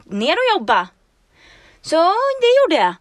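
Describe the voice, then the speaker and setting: Lively high-pitched woman telling a story. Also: no room sound. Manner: animated, laughing, acts out dialogue. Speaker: podcast host. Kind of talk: casual storytelling chat.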